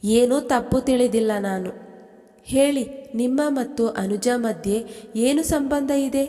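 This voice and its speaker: A young wife sunk in grief turns bitter accusations on her husband between sobs, read by a woman narrator. The voice is dark and unhurried, with a long hall reverb trailing each line. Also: a little high.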